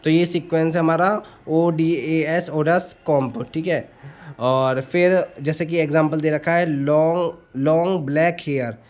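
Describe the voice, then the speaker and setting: A man's voice: fairly high pitch, fairly even intonation, measured pace, a little mellow. A man teaching grammar for exam preparation, explaining step by step, asking questions and answering them himself, often saying "ठीक है". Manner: often says "ठीक है" between points. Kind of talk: exam-prep grammar lesson.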